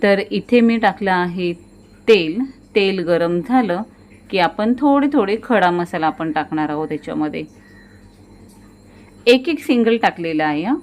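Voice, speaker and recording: A woman's voice: fairly low pitch, animated, a little slow, long pauses, a little mellow. A middle-aged woman, narrating a home cooking demonstration in a homely, chatty way that talks straight to viewers. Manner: homely, chatty, addresses viewers directly with frequent "ना". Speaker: home cooking channel host. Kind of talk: casual cooking demonstration voice-over.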